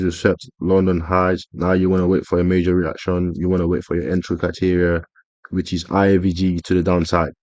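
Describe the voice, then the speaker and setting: A man's voice: sits low, darkish tone, no echo, lo-fi sound. A man explaining a trading strategy over his screen in a casual tutorial, rambling with frequent fillers and self-corrections. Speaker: trading educator.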